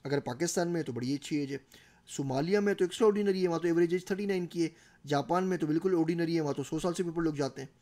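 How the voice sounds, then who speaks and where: A man's voice: a little high, very fast, darkish tone. A middle-aged man with a Pakistani Urdu accent giving a recorded course lecture, explaining ideas through everyday examples.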